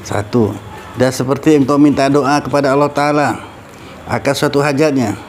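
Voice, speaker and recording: A man's voice: mid-range voice, darkish tone, a little hiss or hum. A middle-aged man, a religious teacher, giving a casual study talk and asking his listeners questions. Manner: conversational, asks listeners questions.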